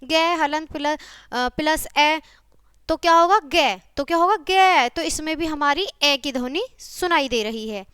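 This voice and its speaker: High-voiced woman teaching young children. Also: bright, forceful tone, no room sound, studio quality. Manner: patient, keeps checking the children understand; spells out sounds slowly one by one. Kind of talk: classroom video lesson for children.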